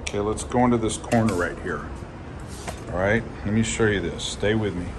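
A man's voice: on the low side, normal speed, background noise. A man giving a casual walkthrough of an unfinished framed building, talking straight to his viewers in a folksy, repetitive way while filming on a phone. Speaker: construction walkthrough guide. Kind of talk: casual filmed site walkthrough.

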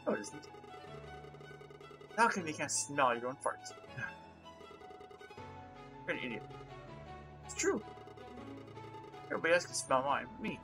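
A game reviewer reads game dialogue aloud, with a lively pitch that swings up and down. The speaker switches back and forth between the lines of two bickering characters. Game music plays clearly underneath. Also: fast, long pauses.

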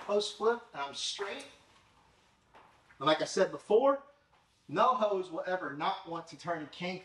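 Speaking in a high-pitched, fairly bright voice, a young man who hosts a car-care channel gives a relaxed product demo from his tiled-floor home garage. He works with his hands and moves around while talking to a camera mic.

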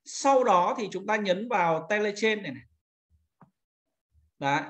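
A man with a high voice demonstrates software in a screen-recorded tutorial. He speaks informally, pointing things out step by step and repeating pointing words as he goes.

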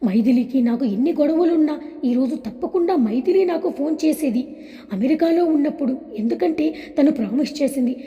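A tender, brooding young man in love, read by a woman narrator in an audio story. The voice sits high and mellow. It carries a long hall reverb. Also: lively intonation, fairly quick.

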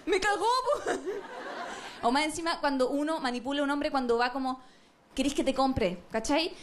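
High-voiced Chilean woman doing stand-up. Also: a little hiss or hum. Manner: animated storytelling, acting out both sides of a couple. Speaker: stand-up comedian. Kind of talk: stand-up comedy monologue. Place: comedy stage with a live audience.

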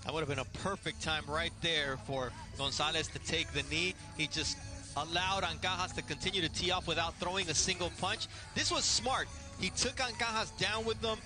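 A man's voice: on the high side, steady tone, normal speed, music in the background. A man calling a boxing match live as the play-by-play commentator.

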